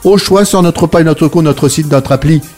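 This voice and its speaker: A man with a slightly high voice hosts a radio show. He presents live and chats casually with his team. Faint music runs underneath. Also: normal speed, a little mellow. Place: radio studio.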